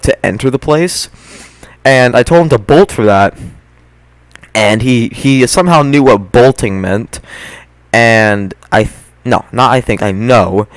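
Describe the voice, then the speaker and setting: A young man chatting casually in a storytime, recounting a dream in an animated, slangy way with puzzled asides. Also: mid-range voice, dry recording, low-quality recording. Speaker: YouTube storyteller.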